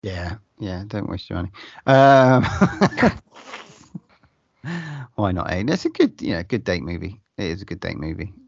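A low-voiced man with a gravelly edge talks loosely in casual podcast chat, swearing freely and stumbling into restarts. His voice sits dry and close, with a slightly dull, lo-fi sound. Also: very animated, unhurried, long pauses, no echo. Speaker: podcast co-host.

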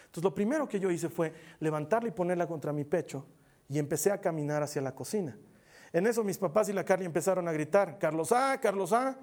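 A man preaching a sermon as pastor, earnest, rising to loud urging and dropping to near whispers. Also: a little high, fast. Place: church meeting hall, also streamed online.

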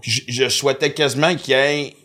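A man's voice: mid-range voice, a little fast. A man in his fifties with a Quebec French accent, a comedian chatting casually on a podcast and acting out the lines he quotes. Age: 50s. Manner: animated storyteller, acts out quoted lines. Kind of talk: casual chat.

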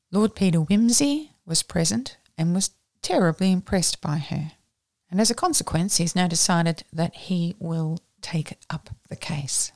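Aussie woman reading a book out loud, lowish voice, dry close sound. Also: dry recording. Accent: Australian. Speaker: reader. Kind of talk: reading a novel aloud with chatty summaries.

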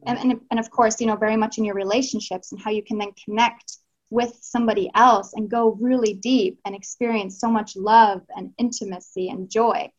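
A woman from Canada, a guest in a casual podcast interview, talking earnestly and warmly with many fillers and restarts. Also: mid-range voice, fairly even intonation, fairly quick, muffled recording. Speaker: guest, Tantra teacher.

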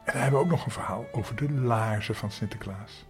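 An older man telling a storybook tale to young children, gentle and expressive, speaking to them directly. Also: on the low side, fast, faint music behind.

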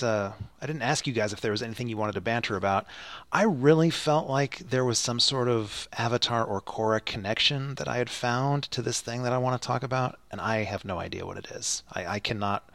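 A man's voice: mid-range voice, fairly bright tone, no echo. A man hosting a podcast, chatting casually and rambling with fillers and restarts. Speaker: podcast host.

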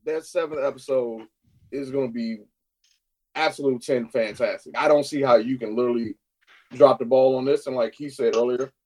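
An excited man co-hosting a casual podcast chat. He talks in an animated way at a medium pitch and swears now and then. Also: moderate pace, rough recording. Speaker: podcast co-host.

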